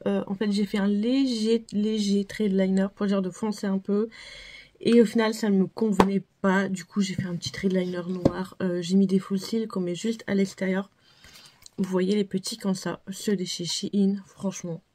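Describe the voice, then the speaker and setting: A woman talks through a makeup tutorial in a loose, chatty way, piling on fillers and repeating herself. Her voice is mellow and warm, sitting at an ordinary middle pitch. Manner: chatty, self-deprecating, many fillers and repeated words. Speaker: beauty vlogger. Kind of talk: casual makeup tutorial narration.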